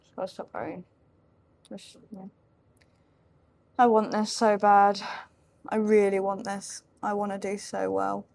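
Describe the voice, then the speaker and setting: A tired woman, rambling casually in a vlog with lots of fillers and soft laughs. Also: mid-range voice, flat delivery, a little slow, gravelly, pauses often. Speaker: vlogger and fitness competitor in contest prep. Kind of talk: casual vlog talk to camera.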